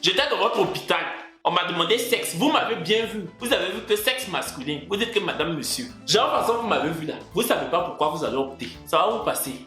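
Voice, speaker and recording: A young Ivorian man with a fairly high voice who talks in an animated, showy way, teasing his viewers and hammering his phrases home. He films himself at home on a camera mic. The room gives his voice a noticeable echo. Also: fast, faint music behind. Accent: Ivorian French. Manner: animated, theatrical, teasing, repeats phrases for effect. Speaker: vlogger. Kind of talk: comic self-promoting vlog rant.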